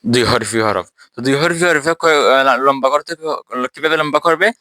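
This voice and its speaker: A man teaching a tajweed class, explaining step by step and quizzing his students, with slow drawn-out letters. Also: mid-range voice, pushed and bright, a little hiss or hum. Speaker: Quran recitation teacher.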